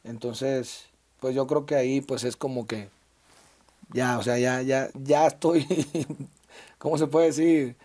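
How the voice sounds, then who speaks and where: A man's voice: mid-range voice, fairly even intonation, slow, darkish tone. Man, 30s, Sinaloa Mexican accent, interview guest, reflective, hesitant fillers. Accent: Mexican Spanish, Sinaloa. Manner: reflective, frequent fillers and restarts. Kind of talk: casual conversational interview.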